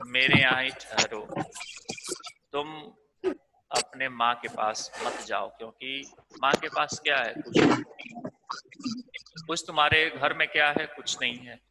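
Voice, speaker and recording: Slow, patient male teacher. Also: medium pitch, steady tone, heavy background noise. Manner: patient, explanatory, restates lines with fillers. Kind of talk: explaining a story in a school lesson.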